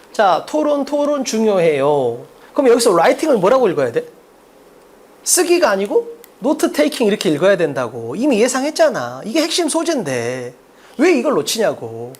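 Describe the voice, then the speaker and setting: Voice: mid-range voice, big pitch swings, moderate pace, breathy edge. An English exam-prep teacher explaining a mock test in a lecture, firing rhetorical questions at students and drilling points with emphasis. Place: lecture room at a board.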